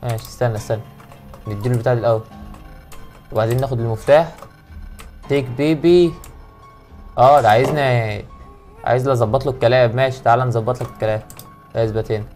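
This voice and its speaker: A man's voice: mid-range voice, fast talker, pauses often, darkish tone, faint music behind. A young man with an Egyptian accent commentating a horror game, joking and muttering prayers when startled. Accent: Egyptian Arabic. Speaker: gaming YouTuber.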